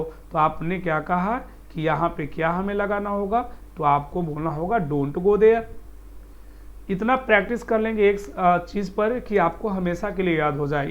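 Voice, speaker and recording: High-voiced male teacher. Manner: patient, repetitive, quizzes the viewer. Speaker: English teacher. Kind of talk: explaining Hindi-to-English translation. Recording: dull lo-fi recording.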